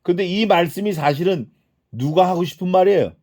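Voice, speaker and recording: A man's voice: high voice, brisk, darkish tone. A middle-aged man preaching an expository sermon as pastor, asking the congregation questions and answering them himself, and acting out quoted prayers. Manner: acts out quoted prayers and speech.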